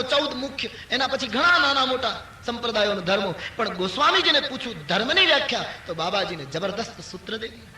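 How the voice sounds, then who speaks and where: Older man preaching, bright and echoey. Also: slight background noise. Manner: rises sharply for emphasis, drops low for storytelling. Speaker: spiritual storyteller. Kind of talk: devotional discourse with chanted verse. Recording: echoey hall with faint ambience.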